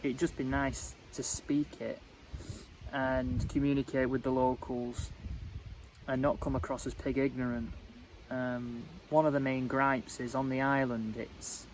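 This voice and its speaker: Bloke rambling slowly to camera outside, lots of ums, faint noise around. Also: male voice, mid-range voice, rough recording. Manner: rambling and halting, with many fillers, self-described as muddling his words. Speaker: vlogger renovating a cottage. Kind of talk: casual chat to camera.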